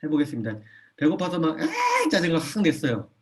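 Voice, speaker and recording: A man's voice: a little high, fairly quick. A man lecturing a church parenting class. He speaks with energy, checks that the audience follows, and repeats his key points. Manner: animated, often acts out a parent's lines in a soft voice. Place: church hall.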